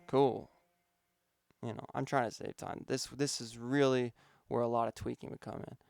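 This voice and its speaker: Thinking aloud with the odd filler, a man who produces music gives a casual how-to on his vocal mixing steps. He talks at normal speed in a steady, medium-pitched voice that is creaky and darkish. It's a clean studio recording without room sound.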